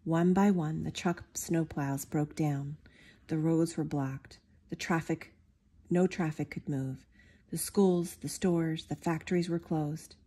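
A woman reads a children's picture book aloud. Her voice is warm and a little husky, sitting slightly low. She tells the story steadily and lifts into bright, excited voices for the characters. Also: slow. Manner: expressive, lively character voices. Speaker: storybook reader.

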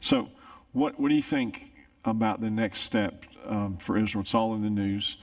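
A man's voice: lowish voice, normal speed. A man in his sixties asking questions casually as an interviewer. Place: large church sanctuary, indoors. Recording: distant, slightly muffled sound.

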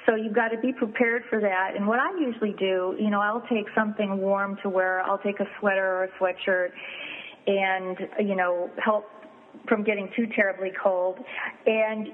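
A woman's voice: mid-range voice, slight background noise. Woman appraiser over a tinny phone line. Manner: measured, explanatory, lists things step by step. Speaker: fine art and wine appraiser, guest. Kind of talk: interview answers.

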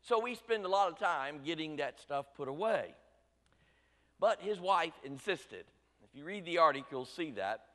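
A man's voice: fairly high pitch, expressive, moderate pace, pushed and bright. A middle-aged man preaching a sermon, folksy and teasing his congregation directly. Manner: folksy, talks straight to the congregation with light teasing. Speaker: pastor. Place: church sanctuary. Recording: church sanctuary with long reverb.

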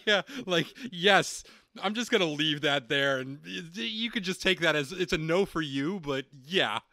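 A man with a bright, forceful voice trades wry, profane jokes about a film in casual podcast chat, chuckling as he goes. The sound is close and dry, with almost no room around it. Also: on the high side, lively intonation, moderate pace, dry recording. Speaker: podcast co-host.

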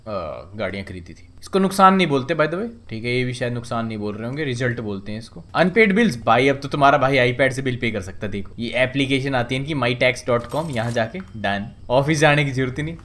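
A man's voice: medium pitch, expressive, brisk, few pauses, fairly bright tone. A young man giving casual gameplay commentary, joking and chattering to himself and the game as he plays. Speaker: gaming channel host.

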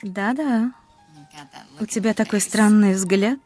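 An actress in a dubbed film drama playing an affectionate young bride-to-be with a tender, teasing manner. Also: female voice, mid-range voice, takes it slowly, dark tone, faint music behind, close to an everyday voice. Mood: hushed, teasing. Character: bride-to-be, affectionate young woman, anxious for her dog.

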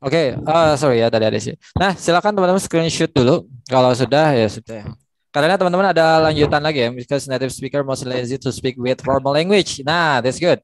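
A man running a live online English class, talking in a loose, chatty way full of fillers and worked examples. His voice sits at an ordinary middle pitch. The sound is dry and close, with no room around it. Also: a little fast, dry recording. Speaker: English teacher.

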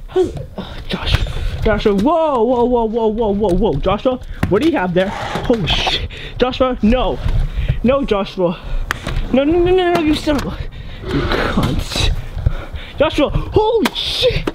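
A teenage boy filming a prank vlog on a handheld phone. He starts hushed and tense, then shouts in exasperation. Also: sits high, big pitch swings, measured pace. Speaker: vlogger. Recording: noisy home phone recording.

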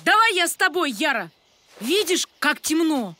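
Casting: friendly young cartoon explorer, bright, high, concerned tone, ambient noise behind. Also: female voice, very animated, normal speed, full character voice. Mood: caring. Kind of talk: children's cartoon voice acting.

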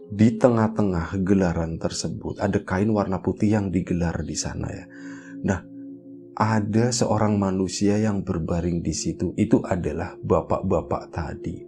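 Deep, mellow man telling a horror story. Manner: chatty, repeats phrases, sound effects. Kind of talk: casual spoken horror storytelling.

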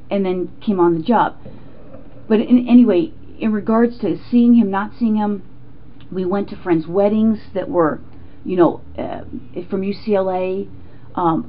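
A middle-aged American woman being questioned as a suspect, answering in a jittery, defensive, halting way with stammers and repetitions. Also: medium pitch. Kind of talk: informal police interrogation interview. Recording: muffled, noisy interrogation room recording.

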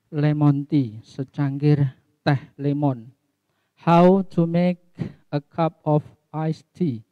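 A middle-aged man, teaching an English lesson online and slowly repeating phrases with their translations. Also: fairly high pitch, no echo, muffled recording.

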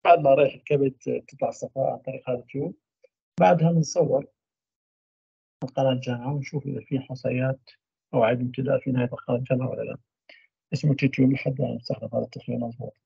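Fast, gravelly man lecturing. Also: medium pitch, steady tone, warm tone, dry recording. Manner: halting, trails off mid-phrase into drawn-out fillers. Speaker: medical lecturer. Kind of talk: university radiology lecture. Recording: dull lo-fi dry recording.

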